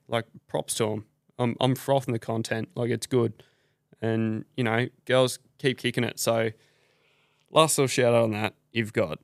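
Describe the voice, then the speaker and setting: A man's voice: mid-range voice, no room sound, clean studio sound. An Australian man hosting a podcast, ranting casually with blunt, sweary slang. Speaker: podcast host.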